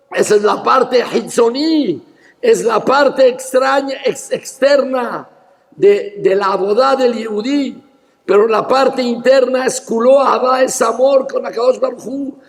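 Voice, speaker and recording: A man preaching a fervent sermon as a rabbi, rising to shouts. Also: very high voice, vocal fry, in a large hall. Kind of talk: impassioned sermon.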